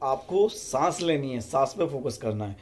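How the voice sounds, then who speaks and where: Calm, unhurried man giving advice. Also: mid-range voice. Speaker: YouTube self-help creator. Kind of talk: casual advice talk to camera.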